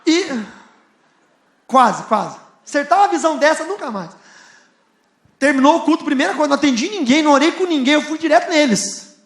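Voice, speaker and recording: Male preacher from Brazil, gravelly voice, lively storytelling sermon with laughs and shouts, echoey church hall. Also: very high voice, fairly quick, long pauses. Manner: animated, laughing, rising to shouts. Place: large church.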